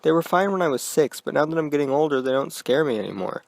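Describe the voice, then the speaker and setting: A man's voice: a little high, expressive, quick pace, dry recording, pitched above the performer's own voice. Man doing a skeptical ten-year-old boy.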